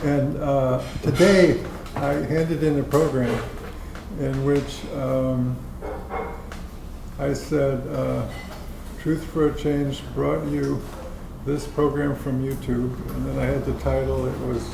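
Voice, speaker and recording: Rambling, chuckling man with a gravelly voice. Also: medium pitch, steady tone, takes it slowly. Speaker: public-access show producer. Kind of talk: casual chat at a dinner meeting. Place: dinner gathering indoors. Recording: echoey room, background noise.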